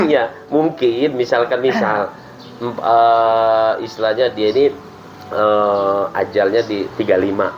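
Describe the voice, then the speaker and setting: A man who teaches religion, explaining Islamic ideas in a relaxed podcast chat and acting out prayers as he talks. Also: medium pitch, a little hiss or hum, rough recording. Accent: Indonesian. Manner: lively explaining with acted-out prayers and laughs.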